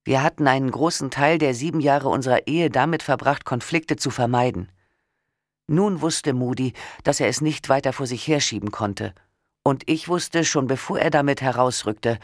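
A man's voice: medium pitch, no echo. Man narrating an audiobook, dry and close.

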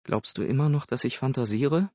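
Guy doing a snippy nervous teen girl, pitched way up, dull dry recording. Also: lively intonation, moderate pace, dry recording, natural voice. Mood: anxious. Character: nervous, sharp-tongued teenage girl.

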